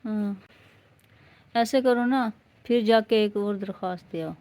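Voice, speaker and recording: A woman's voice: medium pitch, darkish tone. A woman from Pakistan in a casual home vlog who talks worriedly, asks questions and repeats herself. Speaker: vlogger's wife.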